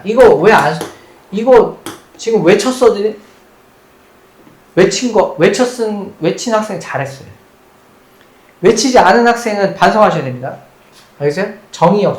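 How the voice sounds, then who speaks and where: A math teacher giving a recorded lecture at the board. The teacher repeats key points and quizzes the students, mixing polite and casual speech. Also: medium pitch. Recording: roomy echo with faint background noise.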